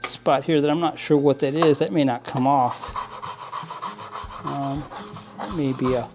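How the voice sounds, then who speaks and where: A man's voice: mid-range voice, fairly even intonation, unhurried, background noise. A man casually narrating hands-on model train cleaning at his work table, rambling with fillers and little chuckles. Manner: rambling, many fillers and restarts, chuckles often. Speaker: model train hobbyist channel host. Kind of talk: casual how-to narration while working.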